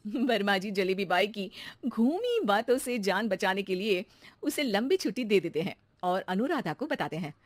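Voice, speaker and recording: Lively woman storybook narrator. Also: medium pitch, moderate pace, no room sound.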